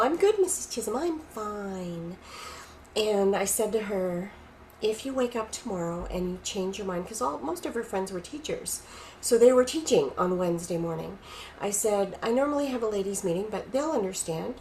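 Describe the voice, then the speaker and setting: A woman's voice: medium pitch, darkish tone, a little hiss or hum, low-quality recording. A middle-aged woman from Canada, a podcast guest telling a personal story vividly and acting out quoted dialogue.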